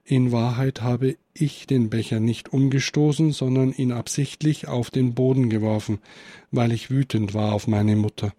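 A man's voice: medium pitch, fairly even intonation, moderate pace, dark tone, dry recording, natural voice. A man voicing an ashamed, unsure schoolchild in a read-aloud Christmas story, speaking hesitantly. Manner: hesitant, stammering.

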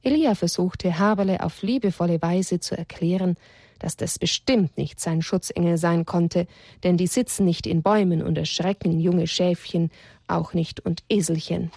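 A woman reading a children's story aloud in a gentle, expressive storytelling voice. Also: on the low side, moderate pace, no room sound, studio quality.

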